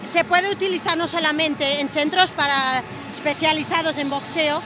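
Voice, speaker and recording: A young woman with a Portuguese accent and a fairly high, even-toned voice speaks at normal speed in hesitant Spanish full of filler sounds. She represents a brand at a fitness trade fair, talking into a handheld reporter mic held to her in a large exhibition hall with loud music and crowd noise.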